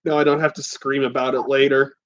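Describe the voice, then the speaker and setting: A man's voice: mid-range voice, flat delivery, a little fast, a bit bright. A man hosting a casual livestream chat, rambling and joking, swearing often. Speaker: podcast host. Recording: dull lo-fi stream audio.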